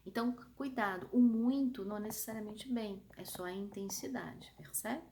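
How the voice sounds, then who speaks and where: Lively Brazilian woman teaching grammar. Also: medium pitch, normal speed, creaky. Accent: São Paulo countryside Brazilian Portuguese. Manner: lively, emphatic, asks the class checking questions. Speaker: Portuguese teacher. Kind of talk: online grammar lesson.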